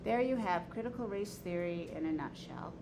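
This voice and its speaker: A teacher leads an informal lecture and group discussion, speaking in an opinionated, emphatic way. Her voice is medium-pitched at a normal speed, recorded in a noisy room.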